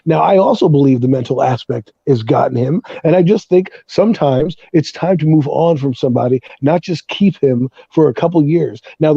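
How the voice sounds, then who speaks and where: Guy ranting on a sports fan show, kinda high voice, pushy, swears, dull dry audio. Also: warm tone, husky, dry recording. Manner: emphatic, argumentative, swears. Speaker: podcast host. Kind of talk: heated sports debate.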